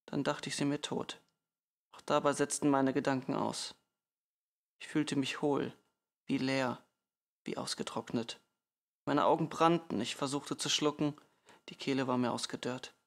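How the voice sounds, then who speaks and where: A man reading a novel aloud in a subdued, measured audiobook narration. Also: mid-range voice, fairly even intonation, vocal fry. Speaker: audiobook reader.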